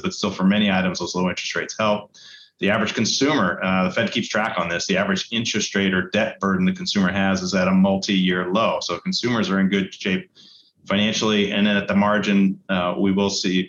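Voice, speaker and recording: Male financial expert guest, conversational explainer, slightly low voice, roomy recording. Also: fairly bright tone. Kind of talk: conversational podcast interview answers. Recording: roomy, dull sound with faint noise.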